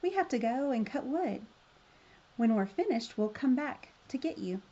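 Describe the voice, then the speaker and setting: Cold storybook stepmother, read by a woman narrator, curt, nagging, bossy, mellow timbre, lo-fi recording. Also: on the high side, lively intonation, normal speed, husky. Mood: bossy, scolding.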